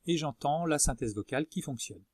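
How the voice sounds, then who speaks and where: A man presenting a software tutorial as a screencast voice-over, explaining methodically step by step. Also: a little high, expressive, fairly quick, husky, dry recording, studio quality. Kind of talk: instructional screencast narration.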